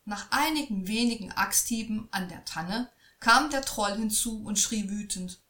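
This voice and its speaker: A woman reading a fairy tale aloud in a slow, expressive storytelling voice. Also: mid-range voice. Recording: echoey room.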